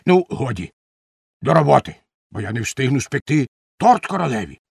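A fussy royal cook from a storybook, as a man plays him, bossing people around and breaking into shrill shouts. The voice swings widely in pitch and is husky, and it is heard up close. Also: sing-song, normal speed, dry recording, exaggerated voice. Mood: bossy. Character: fussy male royal cook, quick to panic.

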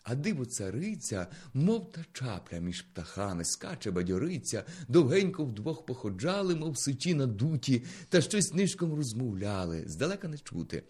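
A man giving a dramatic poetry recitation, swinging between hushed lines and loud, declaiming ones. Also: medium pitch, very animated, normal speed, hardly any pauses, slightly rough. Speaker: poetry reader.

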